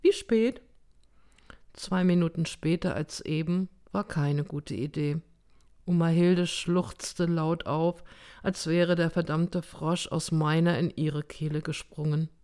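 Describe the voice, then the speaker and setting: A woman reads a first-person story aloud with a slow, unhurried pace and a rather low voice. Her delivery is measured and steady, in the manner of an audiobook narration. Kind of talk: audiobook reading.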